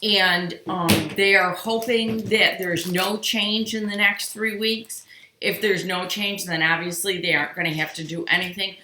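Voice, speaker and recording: A middle-aged woman talks slowly and chattily on a live stream, her bright, forward voice carrying a tired, yawning edge. She greets viewers by name as she speaks into a webcam on her sewing table. The home room adds a roomy echo. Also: mid-range voice, steady tone, slight background noise. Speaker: quilting show host. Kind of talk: live-stream casual chat. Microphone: computer webcam on sewing table.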